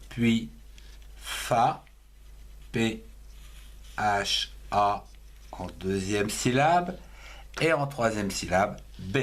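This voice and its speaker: A man leads a writing lesson at a very slow, deliberate pace, spelling each word out letter by letter. His pitch moves a lot, rising and falling as he stresses each syllable. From France. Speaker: writing teacher.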